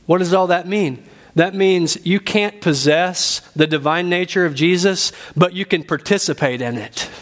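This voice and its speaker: A man's voice: sits high, moderate pace. A man giving an earnest sermon as pastor, speaking at a pulpit microphone and repeating key phrases for emphasis. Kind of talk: sermon teaching.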